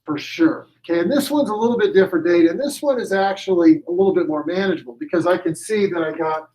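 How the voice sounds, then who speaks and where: A man teaching a high school chemistry class, casual and chatty, often correcting himself as he works a problem. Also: fast, darkish tone, poor audio. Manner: chatty, joke-telling, self-correcting. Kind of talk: classroom lecture.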